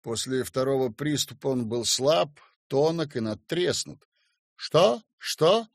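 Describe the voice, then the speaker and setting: A man reading a story aloud at a measured, steady pace. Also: mid-range voice, dry recording, studio quality. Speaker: narrator.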